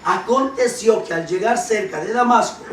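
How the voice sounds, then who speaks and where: High-voiced preacher in an echoey room. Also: male voice, distant mic, slight background noise. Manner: reads scripture slowly, then explains with questions to the congregation. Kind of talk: sermon with Bible reading.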